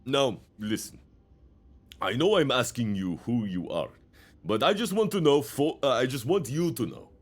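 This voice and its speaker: A man's voice: medium pitch, big pitch swings, normal speed. A man giving casual, playful let's play commentary as a gaming host, full of jokey asides. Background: faint game music.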